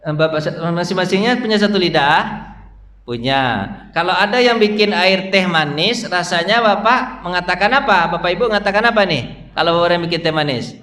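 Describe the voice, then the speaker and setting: This high, pushed, bright male voice belongs to an Islamic preacher speaking at normal speed during a conversational dawn lecture. In an echoey mosque hall with faint background noise, he fires constant questions at his audience and draws on funny, everyday examples.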